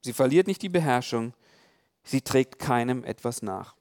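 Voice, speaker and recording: A man giving a conversational sermon on love in marriage, animated, acting out quoted thoughts with many fillers and restarts. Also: mid-range voice, moderate pace.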